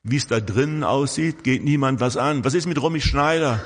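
An older man preaching a sermon, telling stories in a lively way and often tagging his sentences with a questioning "right?". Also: mid-range voice, moderate pace, in a large hall. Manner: lively storytelling with frequent tag questions.

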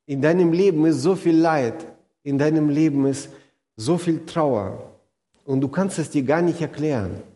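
A man's voice: on the high side, normal speed, dark tone. A man preaching a sermon, earnestly speaking straight to his listeners and retelling stories vividly. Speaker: pastor. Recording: long hall reverb.

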